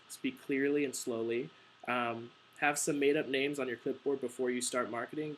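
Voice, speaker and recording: A man's voice: medium pitch, a bit bright, slight background noise, rough recording. A young man in his twenties, a college student, talking informally about door-to-door marketing with lots of ums and restarts. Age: young adult. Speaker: painting business owner training door-to-door marketers. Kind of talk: casual instructional talk to camera.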